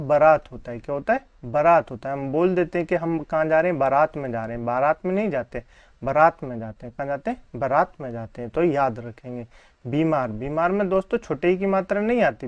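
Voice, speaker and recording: A man's voice: fairly high pitch, a little mellow, dry recording. A man teaching an online exam-prep Hindi lesson, asking a question and then answering it himself. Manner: repetitive question-and-answer drilling.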